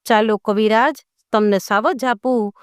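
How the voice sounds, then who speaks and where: A woman voicing a calm, fearless warrior king who speaks in a commanding way in a folk tale. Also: a little high, unhurried, smooth, no room sound, clean studio sound, close to an everyday voice.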